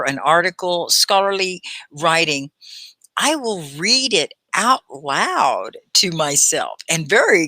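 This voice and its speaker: A woman teaching an English lesson on a livestream, reading aloud slowly and clearly and calling on chat viewers by name. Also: lowish voice, bright, forceful tone, no echo. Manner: slow, clear over-articulated reading aloud.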